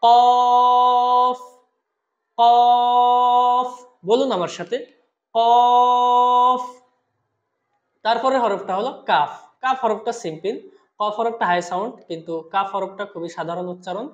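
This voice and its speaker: A patient teacher explaining Arabic letter pronunciation step by step, drawing each sound out slowly and asking listeners to repeat. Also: medium pitch, reverberant, lo-fi sound. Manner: slow, drawn-out demonstrations of each letter sound. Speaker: Quran recitation teacher.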